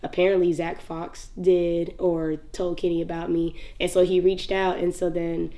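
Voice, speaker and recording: A woman's voice: fairly low pitch, flat delivery, moderate pace, mellow. A young woman from North Carolina with a Southern accent, a rapper telling stories in an interview, laid-back and laughing often, with lots of "like". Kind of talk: casual interview storytelling.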